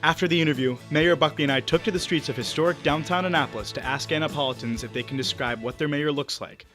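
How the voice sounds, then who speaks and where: Fast-talking male documentary narrator. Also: on the high side, a bit bright. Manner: brisk, newsy delivery. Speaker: reporter narrating a short documentary. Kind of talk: scripted voice-over narration. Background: guitar music.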